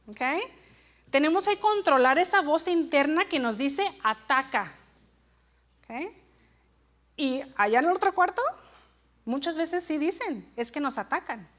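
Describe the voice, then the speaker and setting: High-voiced woman leading a workshop. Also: a bit bright. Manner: engaging, keeps asking the audience questions, drops in English phrases. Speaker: workshop trainer for supervisors. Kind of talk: live workshop talk to an audience. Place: room with a live audience.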